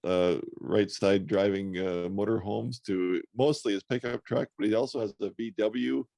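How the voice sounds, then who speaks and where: Gravelly easygoing male podcast host. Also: on the low side, fairly even intonation, normal speed, mellow, no echo. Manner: easygoing, hesitant with frequent uh fillers. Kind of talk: casual chat.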